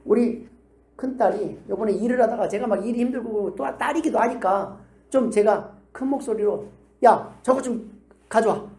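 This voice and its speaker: A middle-aged woman pastor preaching a sermon in a lively way, acting out the quoted lines of the people in her stories. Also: fairly high pitch, moderate pace. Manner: animated, acts out quoted dialogue in shifting voices. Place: church hall. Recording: echoey room.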